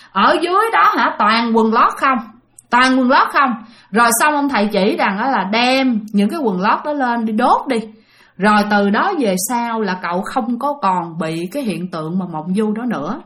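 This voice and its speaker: Her voice mid-range and fairly bright, a storytelling channel host narrates ghost stories sent in by listeners. She tells them chattily and repeatedly speaks to her audience directly.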